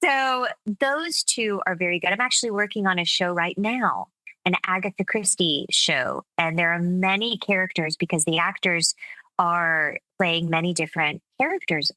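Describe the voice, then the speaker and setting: A woman speech coach explaining her methods in a measured, explanatory way during a conversational interview. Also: fairly low pitch, sharp tone, no room sound, low-quality recording. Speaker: speech coach and accent specialist.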